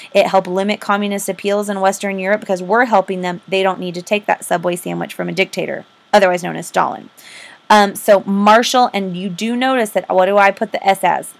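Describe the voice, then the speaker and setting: An American woman with a mid-pitched voice speaks as a teacher giving a recorded lesson. She dictates notes to students, stressing and repeating key terms. Her delivery is informal and emphatic, with questions she answers herself. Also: fairly even intonation, a little fast, creaky. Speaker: history teacher.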